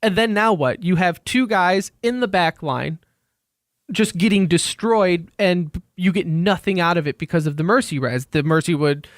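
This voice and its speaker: A man's voice: sits high, normal speed, no room sound, studio quality. A man hosting a radio show about esports, chatty and joking as he moves between segments. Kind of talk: casual esports radio talk.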